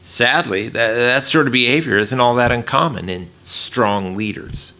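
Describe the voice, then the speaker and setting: Guy preaching a sermon, bright forceful voice, lots of uhs, goes quiet and low to make a point. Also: unhurried. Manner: earnest preaching with frequent "uh" fillers, dropping low and soft for emphasis. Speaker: pastor.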